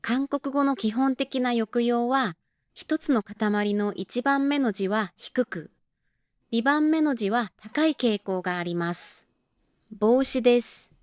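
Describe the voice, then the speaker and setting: A woman teaching Korean in a scripted podcast lesson, speaking slowly and carefully and repeating model phrases. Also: on the high side, no room sound, studio quality. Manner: slow, careful model pronunciation with repetitions.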